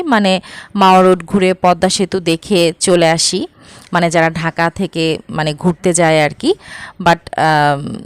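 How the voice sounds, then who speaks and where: A woman's voice: lowish voice, dry recording. Chatty young woman vlogger, dry sound. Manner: chatty, many fillers, coaxing viewers. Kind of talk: casual travel vlog narration.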